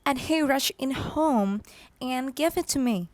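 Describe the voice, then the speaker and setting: A spoiled, demanding rich girl, played by a woman with a Thai accent, high-pitched and unhurried as she tells her story. The voice is close and dry, with no room sound. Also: animated, no room sound. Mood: boastful. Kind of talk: student stage play.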